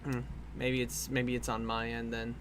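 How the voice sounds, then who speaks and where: A man's voice: medium pitch, completely flat delivery, normal speed, a bit bright, a little hiss or hum. A man hosting a casual drawing stream, playful and jokey with his friends. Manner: playful, jokey, breaks into laughs. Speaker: host.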